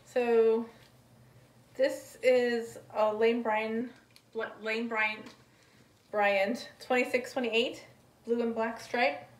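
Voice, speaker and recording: A woman's voice: fairly high pitch, level tone, very slow, long pauses. A woman chatting casually through a haul vlog, rambling as she describes each item one by one, recorded at home. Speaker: thrift reseller vlogger. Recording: roomy, distant mic, faint ambience.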